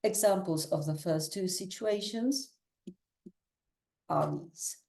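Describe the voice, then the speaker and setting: A woman from Argentina presents study results in a steady, partly scripted way. Her voice sits low and sounds warm and mellow. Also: slow pace, vocal fry. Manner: steady, reads out quoted speech from the cartoons. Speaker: researcher presenting a poster. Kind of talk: academic presentation, partly read.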